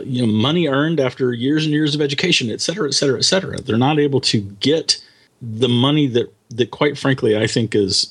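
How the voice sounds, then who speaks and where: A man's voice: mid-range voice, slightly rough. A man talking as a podcast guest, explaining his views at length with many fillers and restarts. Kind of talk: casual interview chat.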